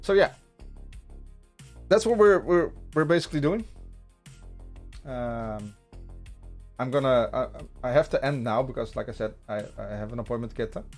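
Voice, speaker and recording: Faint music plays behind a man from the Netherlands, a native Dutch speaker, as he hosts a casual coding stream and rambles to viewers with many restarts and fillers. His mid-range, darkish voice is animated at normal speed with long pauses, recorded on a studio podcast mic.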